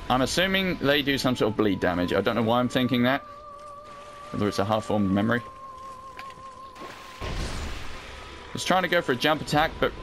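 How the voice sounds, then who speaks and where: A man's voice: mid-range voice, fairly bright tone. A British man giving casual let's play commentary, sweary and wryly understated, as host. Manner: sweary, dry, wry understatement. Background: video game sound.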